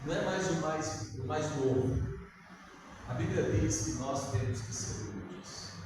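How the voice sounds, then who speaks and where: An older man with a Brazilian Portuguese accent delivers a sermon in a conversational way, often turning questions to his listeners. His voice sits a little high. The sound is heard from far off, with a long echo of a church hall and clear background noise. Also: a little slow. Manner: conversational, asks the congregation questions. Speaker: preacher. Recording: echoey hall, far from the mic.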